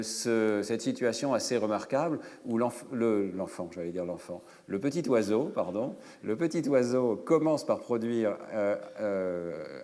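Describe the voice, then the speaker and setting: A man's voice: mid-range voice, a little mellow. A man giving a university lecture, explaining fluently with frequent hesitation fillers. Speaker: professor. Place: lecture hall. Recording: lecture hall with long reverb.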